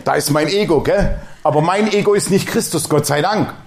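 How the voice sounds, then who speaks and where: A man's voice: on the high side, brisk, creaky, a little hiss or hum. A middle-aged man preaching a sermon in a blunt, colloquial way, often acting out the voices he quotes. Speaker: pastor.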